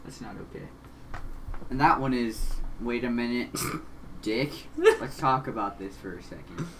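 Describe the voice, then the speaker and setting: Animated reader, mid pitch, trips over words, faint background noise. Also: unhurried, rough recording. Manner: animated, stumbles over words, bursts into laughs and exclamations. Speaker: co-host reading a webcomic aloud. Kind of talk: casual read-along chat.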